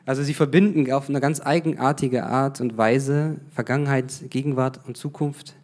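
A man preaching in a loose, conversational way, often pausing on fillers and restarting his sentences. He asks his listeners questions and slips in the odd English phrase. His pitch sits in an ordinary middle range. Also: fairly even intonation, a little mellow. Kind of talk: informal sermon.

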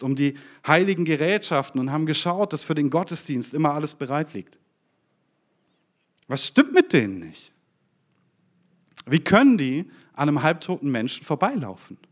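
A man delivers a sermon to his congregation, posing rhetorical questions. For the scripture reading, he slows down and lowers his voice.

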